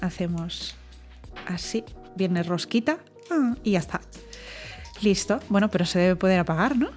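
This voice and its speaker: A woman's voice: mid-range voice, animated, measured pace, a little mellow, faint music behind. A young woman with a Spain Spanish accent, vlogging casually to her viewers, chatty and exclamatory as she thinks aloud during chores. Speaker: home decor vlogger. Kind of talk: casual vlog chat to viewers.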